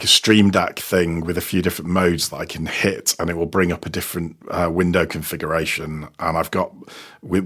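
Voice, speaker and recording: In a low voice with a breathy edge, a man talks casually as an interview guest about audio production. He's a sound designer and technical producer, and he hesitates, frequently repeating words as he searches for the right phrasing.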